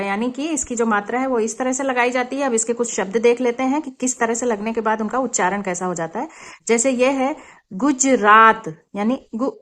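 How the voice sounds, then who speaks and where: High-voiced woman teaching a Hindi lesson. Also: fairly bright tone. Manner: patient explaining, stretches out example words. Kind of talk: Hindi lesson for young children.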